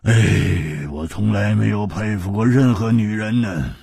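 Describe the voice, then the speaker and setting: A man voicing a rough, hearty young swordsman who talks loudly and sighs and chuckles between words. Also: fairly low pitch, unhurried, no room sound, clean studio sound, heavily acted. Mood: boisterous. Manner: loud, sighing, chuckling, fillers.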